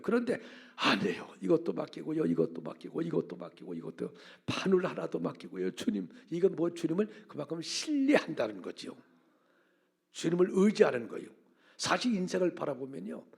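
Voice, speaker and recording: A man in his seventies, a senior pastor giving a Sunday sermon, swinging between loud emphatic preaching and hushed whispers and putting folksy questions to the congregation. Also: a little high, vocal fry, breathy edge. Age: 70s.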